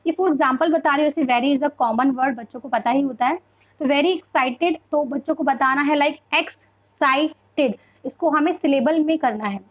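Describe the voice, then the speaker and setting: A woman teaching parents how to help children read, explaining step by step and slowly sounding out English sentences in an Indian accent. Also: sits high, rough recording. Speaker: preschool teacher. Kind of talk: reading lesson for parents.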